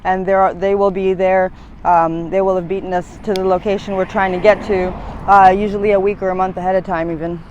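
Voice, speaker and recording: A woman's voice: medium pitch, flat delivery, brisk, darkish tone, highs cut off, slight background noise. A woman in her thirties interviewed on a city street, talking in long, hesitant, rambling stretches full of fillers. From United States, born in Latvia. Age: 30s.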